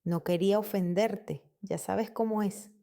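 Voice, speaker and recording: A woman's voice: medium pitch, steady tone, a little slow, gravelly, warm tone. A woman voicing a tired, dismissive middle-aged mother in a weary, brushing-off manner within a read-aloud story.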